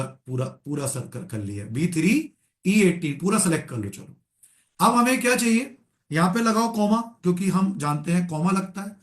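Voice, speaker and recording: A man's voice: high voice, roomy sound. A man teaching a live online Excel class, often calling his students "beta" and checking that they follow.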